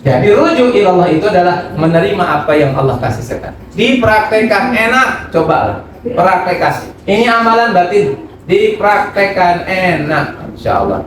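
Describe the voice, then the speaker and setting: A man giving a religious study sermon, lively and acting out examples, often asking his audience questions. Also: sits high, moderate pace. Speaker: Islamic preacher. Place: study gathering room. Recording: echoey room, distant mic, noisy.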